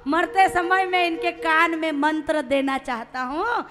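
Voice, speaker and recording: A woman's voice: very high-pitched, unhurried, a bit bright, big-room sound. A woman doing a playful disguised god priest. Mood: blessing, patient.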